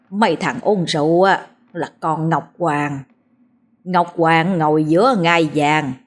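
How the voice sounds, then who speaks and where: A woman's voice: low voice, close to an everyday voice. A woman doing a slurring drunk old villager. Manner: slurred, drawn-out chanting.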